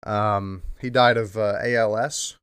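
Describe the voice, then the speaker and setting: A man's voice: lowish voice, fairly even intonation, measured pace, a bit bright, clear, resonant tone, no echo. Rambling, cursing young man, dry sound. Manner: rambling and profane, heavy with "um" fillers. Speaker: podcast host. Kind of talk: casual monologue.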